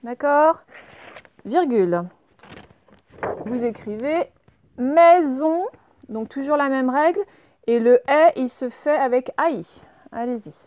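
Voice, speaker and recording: A woman teacher leading a remote handwriting and dictation lesson, slowly spelling words out letter by letter. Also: sits high, darkish tone. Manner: slow, spells out letters step by step. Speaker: primary school teacher.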